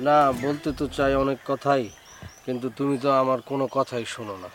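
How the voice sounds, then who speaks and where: An actor playing a soft-spoken, pleading village suitor in a comedy drama, recorded outdoors. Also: male voice, mid-range voice, steady tone, brisk, music in the background, natural voice. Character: meek village suitor accused of theft.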